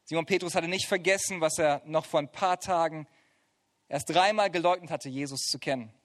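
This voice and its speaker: High-voiced preacher telling lively stories. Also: male voice, moderate pace. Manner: lively storytelling with colloquial asides. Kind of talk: sermon.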